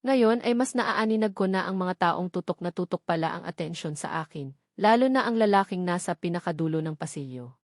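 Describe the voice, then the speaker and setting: A woman reading a romance novel aloud as the narrator, in a soft, emotional storytelling manner. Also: on the low side, expressive, a little fast, no room sound, studio quality.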